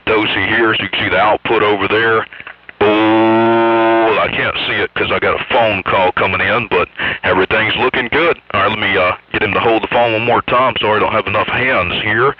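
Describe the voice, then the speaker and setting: A man, heard over a CB radio on single sideband, talking plainly with many "uh" fillers as he demonstrates a radio. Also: fairly low pitch. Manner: plain, halting talk full of "uh" fillers. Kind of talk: casual equipment demo. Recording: muffled, distant CB radio sound.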